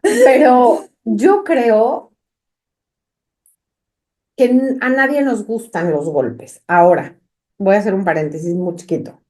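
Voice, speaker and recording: A woman's voice: mid-range voice, expressive, slow pace, long pauses, darkish tone. A woman with a mid-range voice, speaking casually on a podcast. She talks in a natural, conversational way and shares everyday anecdotes directly with her co-hosts. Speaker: podcast co-host.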